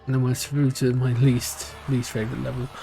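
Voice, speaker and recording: A British man streams a speedrun live and rambles and thinks aloud as he plays. His accent drifts between different parts of the country, and his pitch sits in an ordinary middle range. Faint game music plays under his voice. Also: flat delivery, fairly quick, vocal fry, dark tone. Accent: British, shifting between regions. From Britain. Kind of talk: live-stream gameplay commentary.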